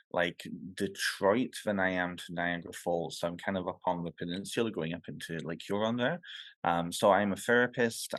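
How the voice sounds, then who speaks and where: A man's voice: low voice, no echo. A man from North Wales, a therapist, talking thoughtfully in an interview with many ums and restarts over a remote call. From North Wales, United Kingdom. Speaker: therapist and guest. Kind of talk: conversational interview.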